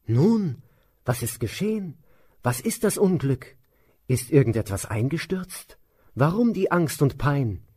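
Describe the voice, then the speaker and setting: A man voicing a gentle queen who asks anxious questions. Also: medium pitch, sing-song, unhurried, pitched above the performer's own voice. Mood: startled. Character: alarmed but gentle queen, woman.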